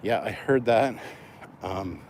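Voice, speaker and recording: Fairly low and a little mellow, this Canadian host's voice has lively intonation and a slow pace. Walking outdoors and a bit winded, he chats casually on a livestream, swearing and reading out comments to answer. The outdoor audio is noisy with vehicles.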